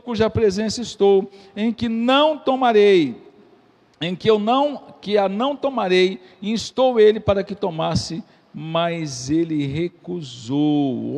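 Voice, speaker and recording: A man with a Brazilian Portuguese accent preaches from the pulpit, his voice pitched high. He reads scripture, checks in with the congregation, and retells the story in vivid voices. A long church reverb trails each phrase. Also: unhurried, vocal fry, darkish tone. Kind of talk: sermon with scripture reading. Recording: echoey church hall.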